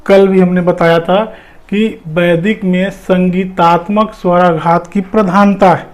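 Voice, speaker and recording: A man's voice: high voice, steady tone, a little slow. A man teaching an exam-prep lecture, explaining step by step with frequent fillers and repetitions. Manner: explanatory, repeats points, many fillers.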